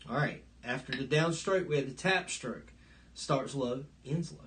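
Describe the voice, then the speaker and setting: A man's voice: medium pitch, measured pace, a bit bright, a little hiss or hum. A man teaching a live online drum lesson, explaining stroke types step by step and counting beats aloud, recorded on a phone's front camera. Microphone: phone front-facing camera.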